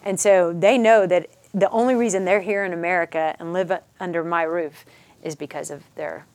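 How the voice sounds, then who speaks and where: A middle-aged woman telling a personal story as a podcast guest, earnest and halting, sometimes dropping to a near whisper. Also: fairly low pitch, steady tone, a little mellow, no echo.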